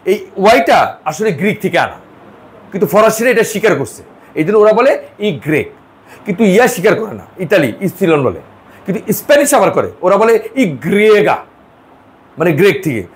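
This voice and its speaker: A man's voice: sits high, big pitch swings, fairly quick. A man teaching French pronunciation in a one-on-one lesson, repeating and correcting sounds with chatty asides. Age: middle-aged.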